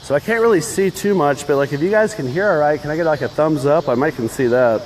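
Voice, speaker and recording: A man's voice: a little high, fast talker. A man chatting casually and informally as he hosts a fishing livestream from under a bridge, rambling and offering modest opinions. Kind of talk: casual chat while fishing. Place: outdoors under a concrete bridge by a creek. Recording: noisy outdoor phone recording under bridge.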